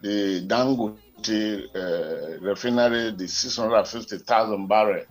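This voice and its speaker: A man's voice: lowish voice, takes it slowly. A Nigerian man co-hosting a radio current affairs show, heard over a telephone line, talking in a formal, wordy and digressive way. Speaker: radio talk show co-host.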